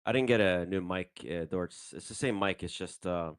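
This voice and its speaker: Speaking at a normal speed in a low, smooth voice, this man talks casually over his live trades on stream. He uses fillers, swears mildly now and then, and holds a handheld mic, with no room sound in the recording.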